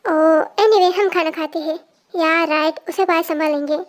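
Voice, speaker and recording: A storyteller reading a fan story aloud and voicing every character's lines in a lively way, switching quickly from one to the next. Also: very high-pitched.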